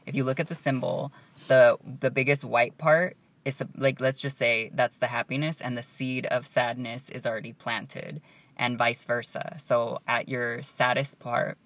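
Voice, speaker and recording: A man's voice: medium pitch, little pitch movement, moderate pace, a bit bright, no echo, recorded from a distance. A young man in casual chat, rambling and saying "like" a lot. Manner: chatty, rambling, says "like" a lot.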